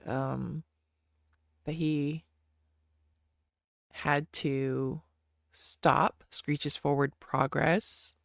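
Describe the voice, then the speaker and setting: A man's voice: a little high, creaky, dry recording, studio quality. A man giving rambling, casual reaction commentary, thinking aloud while watching. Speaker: reaction video host.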